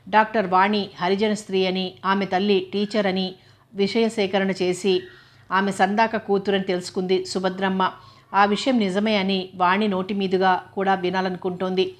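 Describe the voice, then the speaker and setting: A woman reads a story aloud as an audiobook narrator. She keeps a medium pitch and a flat, even delivery. Her storytelling stays steady throughout.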